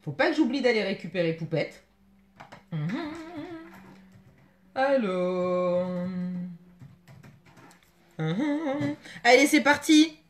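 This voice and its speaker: Female live streamer, fairly high voice, excitable and chatty, keeps greeting viewers by name. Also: slow pace, long pauses.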